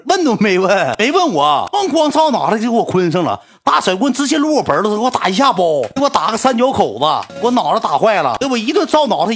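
A young man with a Northeastern Mandarin accent tells a casual story in a rambling way, repeating himself and restarting. His voice is slightly husky, and he talks fast with a lively, swooping pitch.

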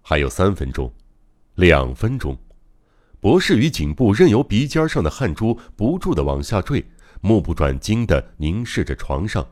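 A man's voice: low-pitched, big pitch swings, moderate pace, darkish tone. A man narrating a mystery novel as an audiobook, in a dramatic, suspenseful reading. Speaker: audiobook reader.

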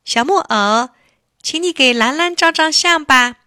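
A woman voicing a kind, caring little girl who coaxes the others gently in a children's story. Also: sits high, animated, unhurried, no echo, studio quality, pitched above the performer's own voice, exaggerated voice. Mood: coaxing.

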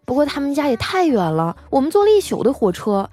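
A woman voicing a cheeky, unbothered young female coworker who answers back in a high, bouncy way. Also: very animated, quick pace, dark tone. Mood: whiny.

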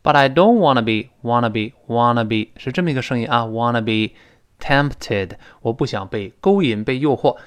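With a smooth, medium-pitched voice, a Mandarin-accented man teaches a spoken English lesson. He offers patient explanations and slowly voices phrases for his students to repeat.

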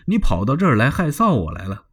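A man voicing a proud, quick-tempered ancient general who speaks in stern, haughty declamations. His voice is husky. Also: medium pitch, huge pitch swings. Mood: indignant, haughty.

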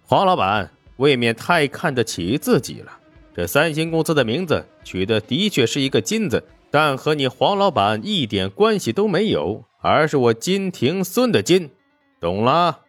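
A man voices a cocky business partner in a storybook tale, sneering and scornful. His voice is dry and close, and his pitch rises and falls widely. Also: big pitch swings, normal speed, no room sound, soft background music, close to an everyday voice.

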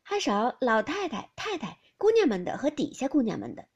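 A woman's voice: on the high side, huge pitch swings, moderate pace, darkish tone, slightly rough, lo-fi sound, full character voice. A woman reading aloud as a polite, deferential middle-aged servant woman explaining matters to her mistress.

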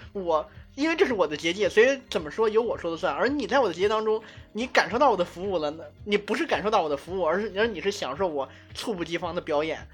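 Fast-talking woman podcast co-host. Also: mid-range voice, breathy edge. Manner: quick, fluent, analytical talk with frequent restarts. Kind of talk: casual podcast chat.

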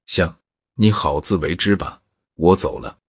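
A wise, sorrowful spirit snake from a storybook speaks, voiced by a man telling the tale. The voice is low and husky. The sound is dry and close, with no room around it. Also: unhurried, dry recording. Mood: grieving. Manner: plain storyteller's voice with little change. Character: giant grateful talking spirit snake, sorrowful.

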